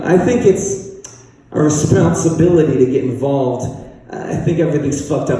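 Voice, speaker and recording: A man doing a stand-up set at an open mic, rambling and deadpan, jumping high in pitch for punchlines. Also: heavy reverb, in a large hall, distant mic, rough recording. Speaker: stand-up comedian. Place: comedy bar open mic.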